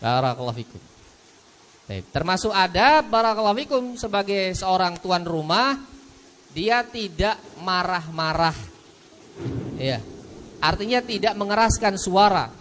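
A man's voice: sits high, expressive, measured pace, pauses often, a bit bright, slight background noise. A man teaching manners in a mosque study lecture, often repeating a blessing phrase and acting out little scenes. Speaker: ustadz teaching a book on manners. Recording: long hall reverb.

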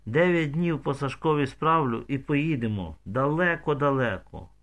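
Tender protective village man, hushed, soothing, audiobook, read by a man. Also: mid-range voice, animated, moderate pace, voice pushed up.

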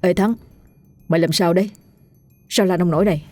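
A woman's voice: fairly low pitch, fairly even intonation, a little fast, warm tone, dry recording, faint music behind, close to an everyday voice. A woman voicing a burly, blunt village man who barks and scolds, in an audio ghost story. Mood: gruff. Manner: barking, scolding.

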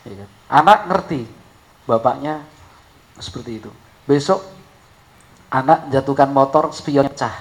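A man preaching a sermon, telling stories with lively shifts of voice and acting out an angry father. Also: measured pace, long pauses, low-quality recording. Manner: animated storytelling, acting out an angry father in high shouts.

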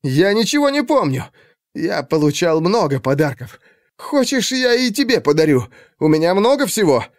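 A man puts on a panicky young aristocrat for an audiobook, his voice jumping high and thin. He squeals and pleads, shrill with fear. The sound is close and dry. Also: big pitch swings, moderate pace, no echo. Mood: panicked.

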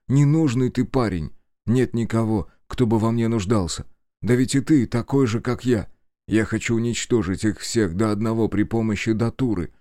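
A man's voice: medium pitch, dark tone, dry recording, studio quality, lightly acted. A man voicing an anguished, angry young man in an audiobook.

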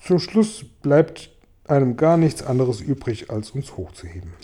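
A man reading a storybook aloud, voicing a calm, earnest young boy in a lifted voice. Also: medium pitch, measured pace. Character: young boy, quiet and thoughtful. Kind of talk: audiobook reading.

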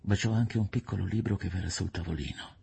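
A man narrating a classic novel in the first person, measured and somber, with a husky, gravelly voice. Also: low voice, a little mellow. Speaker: audiobook narrator. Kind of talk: literary audiobook narration.

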